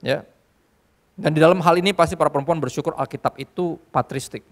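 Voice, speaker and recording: A male youth pastor preaching to a live audience in a church hall, lively and joking, often switching into English. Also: on the high side, fast talker. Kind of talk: sermon.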